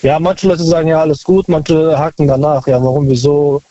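A man's voice: on the high side, level tone, moderate pace, dark tone, no room sound. Young man calling in over a dull phone line. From Germany, near Cologne. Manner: hesitant, many fillers and restarts. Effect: voice heard over a phone line. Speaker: caller. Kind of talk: call-in radio chat.

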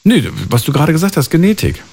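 Guy interviewing someone, calm and curious, keeps digging with questions. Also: on the high side, quick pace, breathy edge. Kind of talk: conversational interview.

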